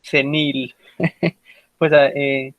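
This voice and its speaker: A man, talking in a relaxed, halting way on a book club video call. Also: medium pitch, no echo, dull audio. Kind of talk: casual online reading club talk.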